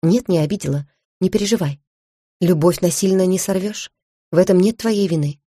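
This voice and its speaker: A gentle young man, sad and sympathetic, speaks to someone he loves, as a woman reads his lines. The voice is low and mellow, recorded close and dry. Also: normal speed, husky, no echo. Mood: tender.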